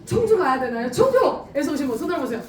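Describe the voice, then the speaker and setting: A middle-aged woman hosting a camp event, speaking to a large audience in a lively way and laughing often. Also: high-pitched, quick pace. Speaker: event host. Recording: echoey hall, distant mic, crowd noise.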